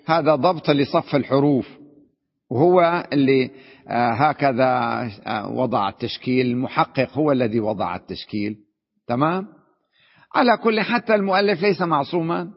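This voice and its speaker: A man's voice: mid-range voice, big-room sound, dull audio. A man, a sheikh, teaching an Arabic grammar class, explaining patiently and often checking with his students that they follow. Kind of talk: classroom lesson.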